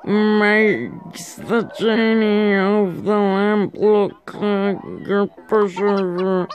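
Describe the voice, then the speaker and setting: A woman's voice: medium pitch, fairly even intonation, drawn-out words, slight background noise, pitched above the performer's own voice. A woman voicing a rambling, indignant old townsman from a video game in a grumbling manner. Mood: indignant, shaken. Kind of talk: reading game dialogue in character.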